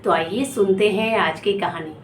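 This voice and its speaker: A woman narrates a moral story in a calm, gentle, explanatory way. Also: medium pitch, normal speed. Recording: echoey room, faint background noise.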